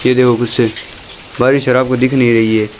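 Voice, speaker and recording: A man's voice: medium pitch, flat delivery, fairly quick, background noise. A man casually chatting through a vlog, moving between his home and the lane outside during rain and constantly pointing things out to his viewers. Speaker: vlogger.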